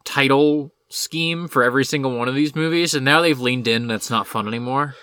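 A man co-hosting a podcast in casual chat, giving wry, quick reactions. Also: medium pitch, bright, forceful tone, clean tone, no echo. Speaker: podcast co-host.

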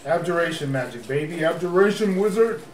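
A man's voice: a little high, lively intonation, fairly quick. A man at a tabletop game, casually calling out turns and spells. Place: echoey room. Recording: echoey room, distant mic, noisy with clicks.

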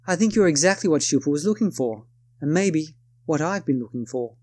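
A man's voice: a little high, expressive, a little fast, darkish tone. A man putting on a posh British young woman. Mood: delighted. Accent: posh British, put on.

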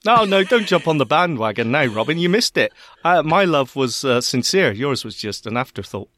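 A man's voice: a little high, very animated, moderate pace, a bit bright, dry recording, clean studio sound. A man from Bristol with a West Country Bristolian accent, co-hosting a podcast in casual, playful, theatrical banter full of exclamations. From Bristol, England. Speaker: podcast co-host.

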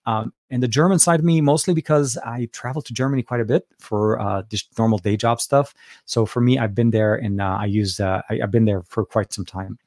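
A man from Lebanon, a native speaker of Arabic, hosts a laid-back live-stream Q&A from his office, speaking close to a dynamic studio mic in a dry recording. His fairly low, steady, slightly mellow voice moves at a brisk pace, with many fillers and restarts as he responds to viewers.

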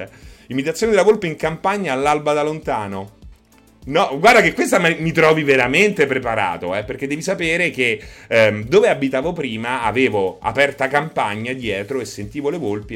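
A man chatting casually on a live stream, joking with viewers and doing squeaky animal imitations. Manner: animated, jokey, breaks into high squeaky fox imitations. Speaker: streamer host.

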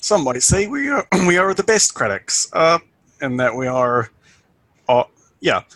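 A man's voice: on the high side, expressive, moderate pace, pushed and bright, no echo, voice pushed up, heavily acted, low-quality recording. Man playing a cheeky, rambling adventurer. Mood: hesitant, wheedling. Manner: hesitant, repeating phrases.

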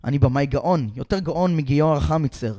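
A man doing an improvised comic bit as a sleazy, desperate male TV director, talking loud and vulgar and pleading. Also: a little high, natural voice. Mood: boastful.

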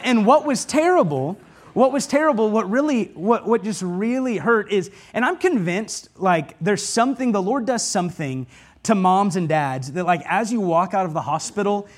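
A male pastor preaching a sermon in an earnest way, often repeating words and asking the congregation "right?". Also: high-pitched.

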